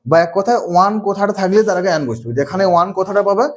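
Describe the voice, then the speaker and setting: Grammar teacher, male, high voice, drills rules with questions he answers himself. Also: rapid-fire. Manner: asks the class questions and answers them himself, repeats key rules. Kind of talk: classroom-style lesson.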